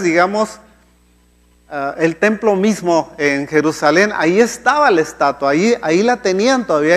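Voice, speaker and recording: A man's voice: high-pitched, fairly bright tone. A male pastor preaching a sermon in a conversational way. He often restarts his sentences and checks in with the congregation. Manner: conversational, many restarts and "¿sí?" checks, acts out quoted complaints. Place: church hall. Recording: church hall reverb.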